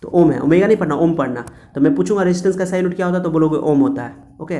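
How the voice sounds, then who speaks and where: A man's voice: on the high side, racing, warm tone. A man teaching a physics lesson in a classroom style, repeating key points and asking questions he then answers himself. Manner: repetitive, coaxing, asks and answers own questions.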